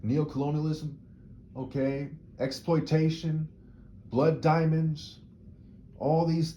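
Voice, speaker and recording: A man's voice: a little high, dark tone, slight background noise. A man giving an opinionated solo monologue to camera, rambling and rhetorical, often tagging his points with "right?". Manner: rhetorical, checks in with frequent "right?" tags; discursive, repeats words while restarting sentences. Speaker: video commentator.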